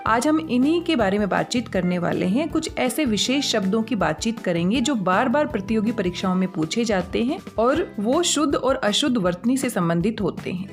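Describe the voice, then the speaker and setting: A woman with a fairly high voice teaches a spelling lesson, calm and patient. She breaks each word into its sounds and explains them one at a time. Faint music plays under her voice. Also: moderate pace, few pauses. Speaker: Hindi teacher.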